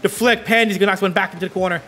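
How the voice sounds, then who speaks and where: A man casting esports play-by-play, calling the action in rapid, excitable bursts and sounding out of breath. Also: high voice, slight background noise. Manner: rapid excitable calls, rising to yells on goals. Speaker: play-by-play caster.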